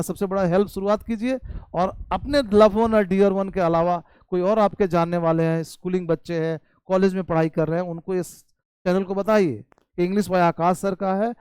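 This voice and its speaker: A man teaching spoken English in Hindi with an Indian English accent, reading English sentences slowly and explaining them quickly. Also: high voice, smooth, no echo. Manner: addresses viewers warmly as "bhai" and "babu".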